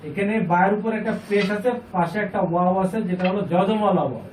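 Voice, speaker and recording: A man's voice: sits high, fairly even intonation, fast, darkish tone. A man teaching a class how to read the Quran, patiently repeating each point and putting questions to the students. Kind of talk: classroom lesson. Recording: echoey room, distant mic, faint noise.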